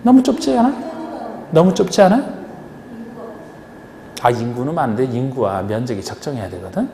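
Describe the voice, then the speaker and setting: A man lectures a class with a lively, rising-and-falling voice, firing rhetorical questions at his students. His tone is mellow and slightly high. The sound carries the long echo of a big lecture hall, with faint noise underneath. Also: normal speed. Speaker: real estate agent exam instructor.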